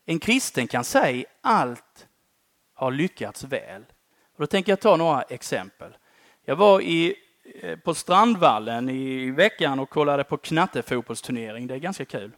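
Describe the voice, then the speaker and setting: Male preacher, slightly higher voice, very lively pitch, chatty sermon delivery with frequent "va?" tags, dry close sound. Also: dry recording. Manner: conversational, often ends phrases with a questioning "va?"; dynamic, swings between loud emphatic lines and quiet dropped-off endings.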